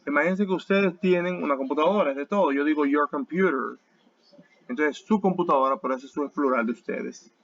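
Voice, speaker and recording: A man teaching a class in a voice that sits somewhat high, with a dull, lo-fi sound. He explains each point step by step and goes over key words slowly and more than once. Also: fairly bright tone, no echo. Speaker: English teacher. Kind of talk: online class lecture.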